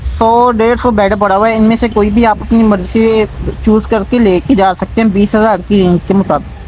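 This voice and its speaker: A man hosting a showroom sales video, delivering a repetitive pitch that keeps stressing low prices. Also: little pitch movement, brisk, darkish tone, a little hiss or hum, poor audio. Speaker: YouTube channel host.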